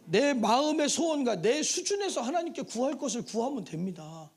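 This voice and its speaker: In a church sanctuary, a male pastor preaches a sermon in a husky, high-sitting voice that swings widely in pitch, at a moderate pace. His style is lively, loose and chatty, full of asides and rhetorical questions aimed at the congregation.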